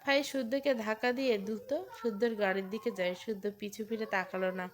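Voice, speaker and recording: A woman narrating a romantic audio story with expressive storytelling. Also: medium pitch, brisk.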